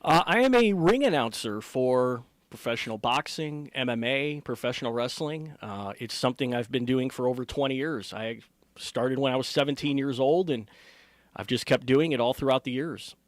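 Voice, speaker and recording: A man's voice: medium pitch, expressive, normal speed, dry recording. A middle-aged man with an American accent, a ring announcer answering interview questions conversationally.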